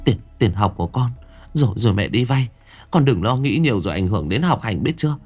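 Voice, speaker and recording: A man's voice: very animated, fast, darkish tone, soft background music. A man voicing a poor, beaten middle-aged mother who pleads tearfully in a raised, strained voice. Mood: pleading. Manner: tearful, begging, high strained pitch.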